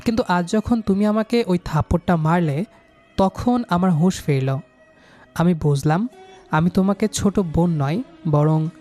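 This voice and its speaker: Over background music, a man with a high-pitched, darkish voice narrates a romantic story in the first person. His delivery is dramatic, earnest and emotional.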